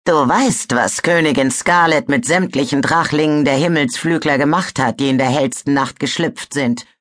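A woman's voice: sits low, close to an everyday voice. A woman voicing a cold, menacing male ice dragon who hisses his words. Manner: hissing, slow, icy.

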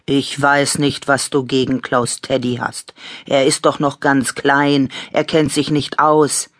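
A kindly stuffed toy lion, as a woman reading a storybook voices him, speaking low and unhurried. He reproves softly, never harsh. The recording is close and dry. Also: level tone, no echo. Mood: reproving. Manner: gentle, reproving, low-key.

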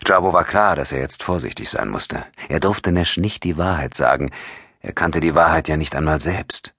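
A man narrating an audiobook in a steady, measured storytelling manner with a husky voice. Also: extremely low pitch, dry recording, studio quality. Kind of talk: scripted narration.

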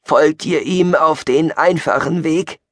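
A man voicing a fanatical male cult leader who preaches martyrdom slowly and solemnly. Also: on the high side, no room sound, clean studio sound, pitched above the performer's own voice. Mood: solemn preaching.

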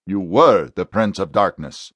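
A man voicing a stern, confident male exorcist in an audiobook, delivering forceful, insistent commands. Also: sits low, expressive, measured pace, no echo, full character voice. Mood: commanding. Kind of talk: audiobook character voice.

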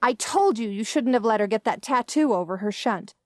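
A woman's voice: a little high, expressive, a little fast, a little mellow, dry recording, studio quality, close to an everyday voice. A woman voicing a domineering older mother who scolds and makes demands in a storybook reading. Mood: accusing. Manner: scolding, imperious.

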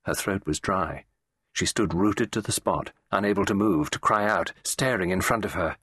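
A man reading a classic mystery as an audiobook narrator, measured and expressive. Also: deep voice, breathy edge, no room sound, studio quality.

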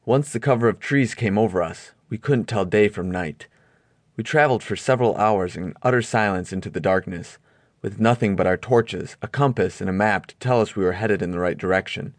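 Guy narrating an audiobook, low voice, dry close studio sound. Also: a little fast, no room sound. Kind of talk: scripted first-person narration.

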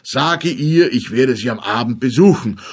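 A man's voice: medium pitch, expressive, a little slow, husky. A man voicing a scheming sorcerer who fakes tearful grief and poses as a long-lost uncle, speaking in a theatrical, fawning way. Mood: tearful, coaxing.

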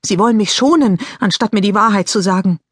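A woman's voice: mid-range voice, fast, breathy edge, dry recording, studio quality, pitched above the performer's own voice, close to an everyday voice. A woman voicing an emotional teenage girl in an audiobook, pleading and upset. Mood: distraught. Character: upset teenage girl, ballet dancer on crutches.

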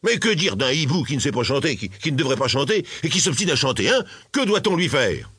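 A man voicing a gruff, scornful older toy merchant in a storybook reading. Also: mid-range voice, very animated, fairly quick, a bit bright, dry recording, clean studio sound, pitched above the performer's own voice. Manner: grumbling, scornful, curt.

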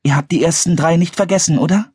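A man voicing a friendly young female sorceress in a storybook audiobook, speaking encouragingly in a high voice. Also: quick pace, darkish tone, breathy edge, no echo, studio quality.

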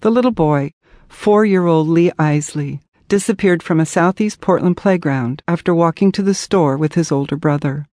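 A woman's voice: low voice, warm tone, dry recording, clean studio sound. Earnest woman reading her memoir. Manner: measured, earnest storytelling. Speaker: author narrating her memoir. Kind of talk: scripted audiobook narration.

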